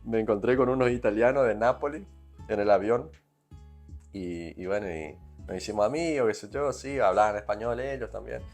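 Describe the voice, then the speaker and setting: A man's voice: fairly low pitch, moderate pace, a little mellow, soft background music. Argentine man telling a rambling anecdote. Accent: Argentine Spanish, Corrientes. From Argentina, Corrientes. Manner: rambling anecdotes peppered with "¿viste?". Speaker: guest musician. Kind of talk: casual interview storytelling.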